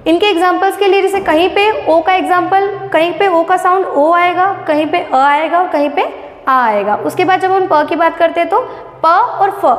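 Woman teacher w a really high voice, goes step by step asking questions, long echo tail. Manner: explains step by step, often asks rhetorical questions. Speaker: English teacher. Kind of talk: classroom lesson on phonetic sounds. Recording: echoey room with long reverb.

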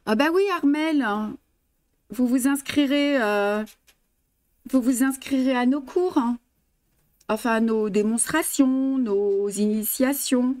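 A woman's voice: on the high side, slow, a little mellow, no echo. A woman teaching traditional embroidery on a live stream, giving patient step-by-step instructions full of fillers and chatting with her viewers. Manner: chatty, greets and answers viewers' comments. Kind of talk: live craft demonstration, switching languages.

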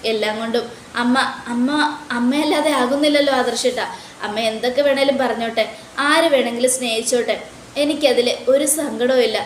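A woman voicing a gentle, devoted young woman lying in hospital, speaking softly and earnestly. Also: fairly high pitch, brisk, reverberant, a little hiss or hum, natural voice. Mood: tender.

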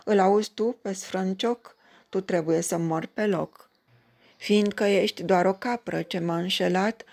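A woman's voice: on the low side, gravelly, a little mellow. A woman reading a fairy tale aloud, voicing a cruel young lord who gives stern, commanding orders. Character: cruel young lord bent on killing his wife.

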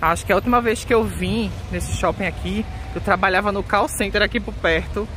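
A man's voice: high-pitched, brisk. A chatty vlogger, talking to his viewers through a face mask. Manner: chatty, excitable, addresses viewers. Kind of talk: casual vlog chat. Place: indoor shopping mall. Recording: mall ambience noise behind.

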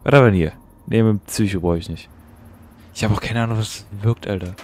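A man's voice: lowish voice, fast, a little mellow, a little hiss or hum. A young man giving casual, slangy let's-play commentary and swearing at the game. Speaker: gaming YouTuber.

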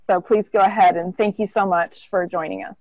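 A woman hosts a live online town hall from a small room, speaking earnestly and sometimes restarting her phrases. Her voice is on the low side. The webcam audio is muffled and dry. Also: steady tone. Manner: earnest, with some halting restarts. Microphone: webcam on a video call.

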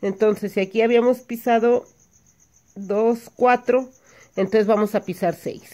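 A woman's voice: fairly high pitch, fairly even intonation, a little slow, warm tone. A woman teaching hand embroidery step by step, patiently counting stitches aloud and checking in with her listeners. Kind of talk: step-by-step craft tutorial.

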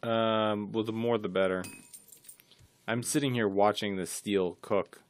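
Dry low-voiced man gaming streamer. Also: steady tone, measured pace, a little hiss or hum. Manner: reads facts aloud off his screen in a dry, matter-of-fact way. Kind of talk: casual co-op gaming chat.

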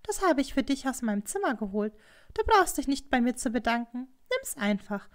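A woman's voice: sing-song, a little fast. A woman voicing a proud, cruel young geisha in an audiobook reading, pleading one moment and cutting the next. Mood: cold. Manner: pleading and shrill, then cutting and scornful.

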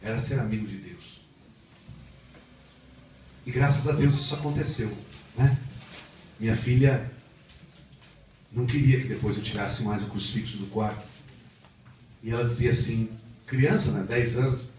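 A man's voice: mid-range voice, normal speed, long pauses, a little hiss or hum. Male missionary preacher, Brazilian accent, earnest sermon; distant, reverberant chapel sound. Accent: Brazilian Portuguese. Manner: heartfelt storytelling, rising to animated emphasis. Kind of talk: sermon with personal testimony. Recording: echoey chapel from far off.

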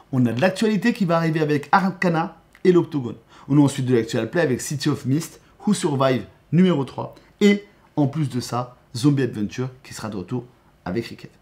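A man's voice: mid-range voice, darkish tone. A man, a YouTube host and game master, giving a casual channel update with enthusiasm and frequent restarts.

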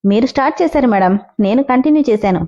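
A woman voicing a confident, scheming young man who talks in a calm, teasing way. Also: fairly high pitch, fast talker, lo-fi sound. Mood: cocky. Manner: calm, teasing, self-assured.

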